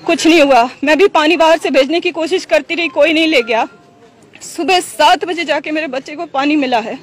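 Distressed high-voiced middle-aged woman. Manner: distressed, pleading, tells events at length. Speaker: mother of a hospitalized patient. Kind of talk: emotional on-street news interview.

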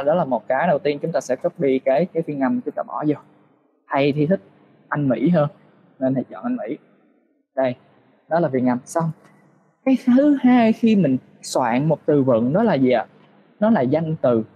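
A man's voice: fairly high pitch, highs cut off, a little hiss or hum. A man teaching, patiently walking through a screen-share tutorial step by step and posing rhetorical questions to his students. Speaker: English teacher.

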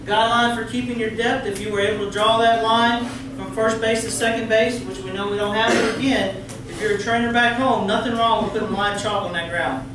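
A man's voice: high voice, fairly even intonation, fairly quick, hardly any pauses, background noise. Texan man lecturing in an echoey hall. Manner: coaching, asks the room questions, folksy jokes. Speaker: umpire clinic presenter. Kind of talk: training lecture to umpires. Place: large meeting room with projector screen. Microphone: far room camera, no mic seen. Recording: very echoey room from far off.

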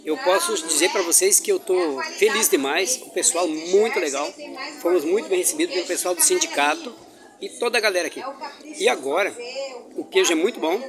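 With a crowd audible behind him, a travel vlogger talks a little fast in a high voice. He's making a casual vlog inside a farmers' market, cheerfully chatting to his camera, vendors, and children and using religious exclamations.

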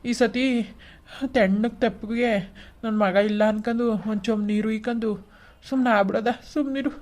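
A woman's voice: fairly high pitch, fairly even intonation, normal speed, heavy background noise, close to an everyday voice. A woman voicing a grown son in a cartoon family drama, soothing and urging his mother. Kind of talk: cartoon voice acting.

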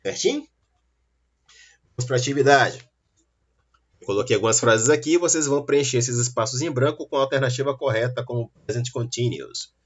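A man teaches English, explaining slowly and carefully and spelling out letters as he goes. His voice is medium-pitched and slightly rough, captured in a dull lo-fi recording.

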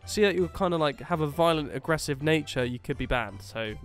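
A man presenting a tech news segment on a casual podcast, in a relaxed, upbeat way. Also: fairly high pitch, brisk, faint music behind.

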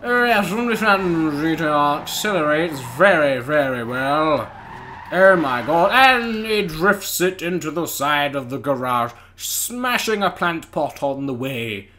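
A British man hosting a casual racing-game let's-play, excitable and quick to swear or laugh. His voice sits high for a man and swings widely in pitch. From United Kingdom. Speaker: gaming channel host.

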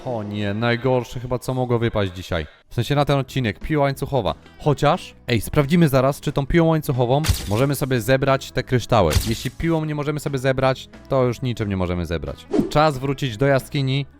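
A young man giving lively, excitable commentary while playing a video game and talking to his viewers. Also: mid-range voice, a little fast, hardly any pauses, soft background music. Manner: exclaims often, addresses the audience. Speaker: gaming YouTuber. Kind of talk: excited Let's Play commentary.

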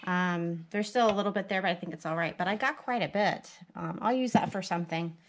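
Her lowish voice moves fairly quickly in a rough recording from a camera positioned above the stove and counter. She is a home cook and homesteading vlogger narrating a cooking project casually, chatty and practical, thinking aloud as she goes.

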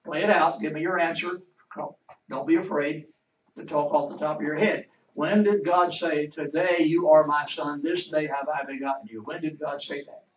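A man's voice: fairly high pitch, fairly even intonation, moderate pace, slight background noise. Male Bible teacher, questioning class; distant, roomy, dull church recording. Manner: asks the class questions and waits for answers. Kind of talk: interactive Bible lesson.

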